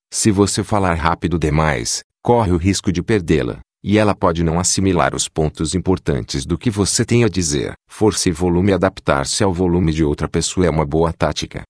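A man narrating a nonfiction audiobook in an even, measured reading. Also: low-pitched, dry recording, clean studio sound.

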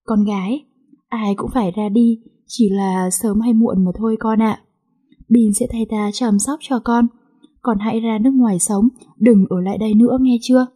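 A woman voicing a frail, dying old father who speaks slowly and tenderly to his daughter. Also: on the high side, fairly even intonation, mellow, slightly rough.

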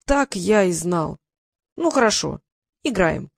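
A woman's voice: on the high side, big pitch swings, normal speed, dry recording, studio quality. A woman voicing a boastful, pedantic male dragon who loves riddles, speaking in a raised, emphatic, pompous way.

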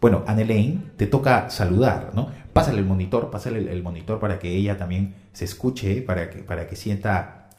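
Deep relaxed male radio host. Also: brisk, echoey room. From Peru. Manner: relaxed, laughs easily, hesitant fillers. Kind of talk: casual radio interview.

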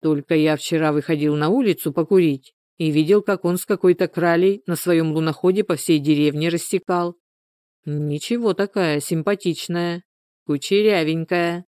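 The audiobook narrator voicing a carefree young man who teases with a slow, sarcastic drawl. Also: mid-range voice, a little mellow, clear, resonant tone, no room sound, clean studio sound, lightly acted. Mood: teasing.

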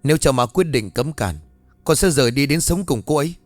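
A male storyteller voicing a hot-tempered young man, forceful and pleading with his family and lover. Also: mid-range voice, expressive, fairly quick, no echo, soft background music, pitched above the performer's own voice, close to an everyday voice. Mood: defiant.

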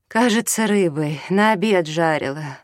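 A man's voice: fairly high pitch, animated, a little slow, no room sound, clean studio sound. A man voicing a tearful, worn-out young mother. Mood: pleading.

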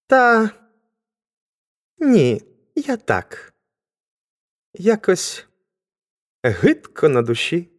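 Lady doing a nervy young guy, talks slow, kinda whiny and pleading, voice jumps around a lot. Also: on the low side, huge pitch swings, full character voice. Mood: uneasy. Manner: hesitant, wheedling. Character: anxious pleading young man.

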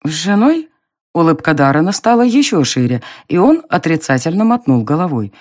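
An audiobook narrator reading a first-person story. The delivery is expressive and storytelling, with a pitch that moves up and down a lot. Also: a little fast.

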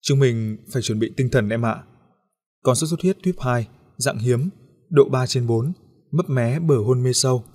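A man voicing a doctor and father who speaks gravely and quietly about his sick son. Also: mid-range voice, a little slow, lightly acted. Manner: grave, subdued.

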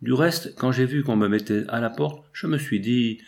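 A man's voice: medium pitch, vocal fry, natural voice. A man reading a brash young male art student who rambles on without stopping. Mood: excited. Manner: rapid, unstoppable rambling.

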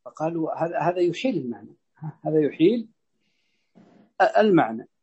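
A man teaching a religious lesson, explaining a legal text in a measured way and saying sample pronunciations aloud. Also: a little high, big pitch swings, mellow, husky, highs cut off.

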